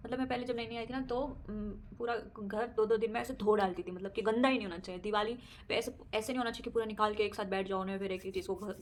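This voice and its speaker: A young adult woman vlogger with a mid-range voice talks casually to camera about her daily life. She laughs often and mixes in English words, with a little hiss or hum on the audio.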